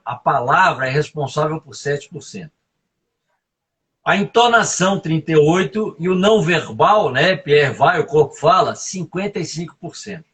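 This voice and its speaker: A man's voice: a little high, fairly bright tone, husky. A man, giving emphatic leadership advice as a guest in a live interview, often asking "right?". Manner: emphatic, coaching, fond of tag questions.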